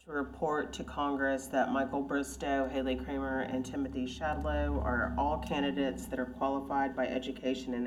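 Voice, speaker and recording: A committee member making a formal motion in a meeting, speaking in a measured, deliberate way. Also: medium pitch, poor audio.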